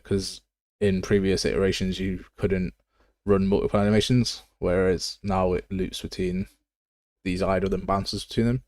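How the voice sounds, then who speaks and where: During a live game development tutorial, a man thinks aloud in a blunt, easygoing chat, his very deep voice carrying an English Midlands accent. The tone is darkish, with no echo.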